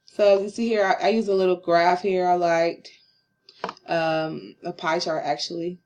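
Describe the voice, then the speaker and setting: A young woman gives a class presentation late in a long day, and her voice is a little low. She sounds tired and slurs slightly. She talks casually and rambles, with fillers and restarts. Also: fairly even intonation, moderate pace, darkish tone, a little hiss or hum. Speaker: student presenter.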